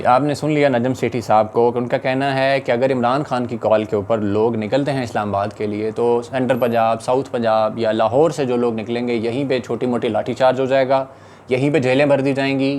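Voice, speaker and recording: A man with a Pakistani Urdu accent delivers rapid-fire political commentary. His tone is urgent and indignant, at a middle pitch. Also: steady tone, a little mellow, a little hiss or hum.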